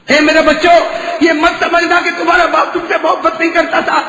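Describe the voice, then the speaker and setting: A man's voice: extremely high pitch, flat delivery, gravelly, crowd noise, voice pushed up. A man preacher voicing a grieving father who cries out to his enemies and his children, repeating his pleas in anguish. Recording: echoey hall reverb.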